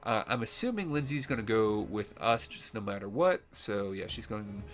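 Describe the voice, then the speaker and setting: Chatty man, voice going hoarse. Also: fairly low pitch, animated, normal speed, fairly bright tone. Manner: chatty, fillers, thinks aloud. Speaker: let's play host. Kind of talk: casual gameplay commentary reading dialogue aloud.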